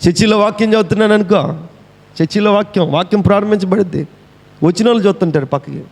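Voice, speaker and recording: Male preacher, high pitch, questioning and scolding the congregation, echoey hall. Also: fast, gravelly, darkish tone. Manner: scolding, mocking. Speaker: pastor. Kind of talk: sermon.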